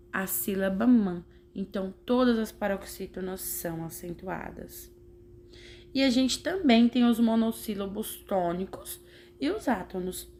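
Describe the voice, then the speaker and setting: A woman teacher, explaining a grammar lesson slowly and carefully, sounding out syllables. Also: mid-range voice, a little mellow. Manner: slow, carefully spelling out syllables. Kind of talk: slow classroom explanation.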